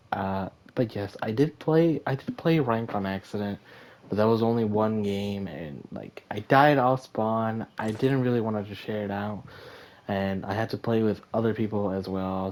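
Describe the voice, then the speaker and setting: A young gaming YouTuber with a tired, fairly low voice and darkish tone talks casually over his gameplay. He rambles, full of fillers and restarts.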